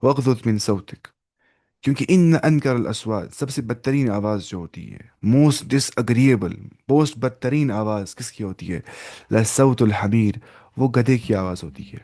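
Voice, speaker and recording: A man teaching an online Arabic lesson in with English words mixed in, reading Arabic phrases slowly and then explaining them. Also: mid-range voice, warm tone.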